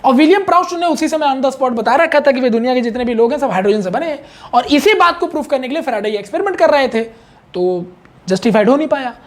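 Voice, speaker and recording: A man's voice: very high voice, expressive, fast talker. A male chemistry teacher giving a casual online exam-prep lecture, chatty, repeating key points and checking in often with his students.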